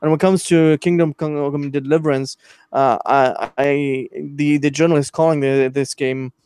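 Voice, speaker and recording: A man hosts a casual online stream, his voice smooth and resonant, sitting a little high. He speaks in halting bursts, stopping and restarting with lots of "uh". The sound is close and dry, with no room in it. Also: fairly even intonation, a little mellow, dry recording. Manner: halting, many fillers and restarts. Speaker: podcast host.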